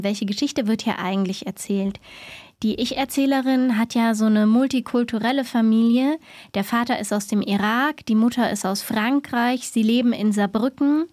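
A woman hosts a book discussion, speaking thoughtfully and pausing now and then. Her voice sits fairly high. The sound is close and dry. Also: a little mellow, dry recording. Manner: thoughtful, some hesitations. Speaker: literary show host.

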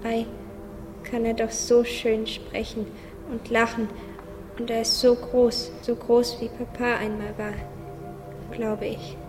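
In a radio play inner monologue, a woman voices a naive, sad little boy who muses simply and pensively, repeating phrases. Her voice is on the high side, completely flat, slow, and full of pauses. Long reverb surrounds her, with music clearly in the background.

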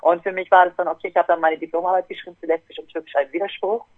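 A woman in her fifties, an interview guest, telling a story in a lively way and acting out her relatives' voices over a phone line. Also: fairly low pitch, very fast, dry recording. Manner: animated, acts out family members' voices. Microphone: telephone. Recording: tinny dry phone line.

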